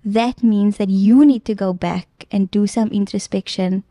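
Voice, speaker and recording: A woman's voice: medium pitch, fairly even intonation, a little slow, mellow, dry recording, studio quality. A young woman guest earnestly retelling a personal story in casual chat, with plenty of filler ums. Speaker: podcast guest.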